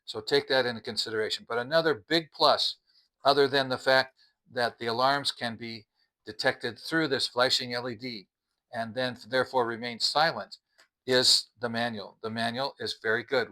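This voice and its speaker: Speaking at a moderate pace, a mature man walks through a product review in a casual style. His bright, forward voice sits at a typical male pitch, and he explains things plainly, one point at a time.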